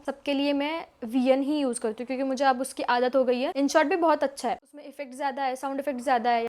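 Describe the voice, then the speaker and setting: A young woman with a high voice and a Marathi accent talks through a tutorial. She explains things step by step in a chatty, casual way, like a creator talking to her followers. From Maharashtra, India. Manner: chatty, explains step by step with Hindi-English mix. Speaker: YouTube creator.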